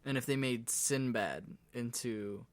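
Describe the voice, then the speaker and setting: Halting man co-hosting a podcast. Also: medium pitch. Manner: halting, interrupts with ideas. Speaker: podcast co-host. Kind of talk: casual podcast chat.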